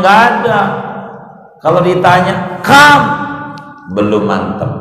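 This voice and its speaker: Slow playful preacher in echoey hall. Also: male voice, mid-range voice. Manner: playful, asks the congregation questions and answers them. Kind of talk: Islamic study sermon. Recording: echoey hall with long reverb.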